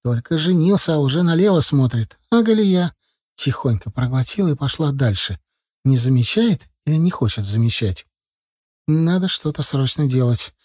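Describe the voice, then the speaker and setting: Man, first-person audiobook narration, calm, mellow warm tone, dry close recording. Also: on the high side, normal speed, slightly rough, dry recording.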